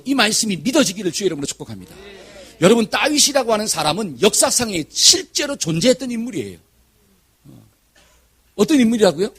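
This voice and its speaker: A male pastor preaching a sermon, telling a story with lively energy and asking the congregation questions. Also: high-pitched, slightly rough.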